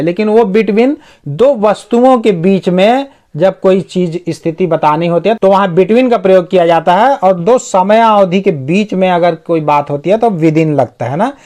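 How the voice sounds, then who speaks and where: A man with a high voice teaches English to Hindi speakers. He reads each English sentence slowly, then explains it word by word. Along the way he lists synonyms and asks questions he answers himself. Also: a little mellow. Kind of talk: Hindi-medium English lesson.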